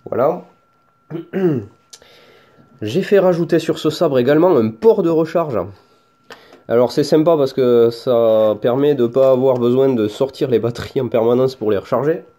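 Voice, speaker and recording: Mellow-voiced man with a Toulouse accent. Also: medium pitch, normal speed, long pauses. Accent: Toulouse French. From France. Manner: hesitant, many fillers and restarts. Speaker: hobbyist showing his lightsaber. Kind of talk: casual show-and-tell.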